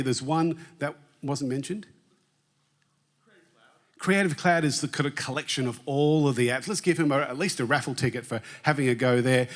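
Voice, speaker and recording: A man giving a jokey, chatty talk on a conference stage and quizzing the live audience. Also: medium pitch. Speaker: conference presenter.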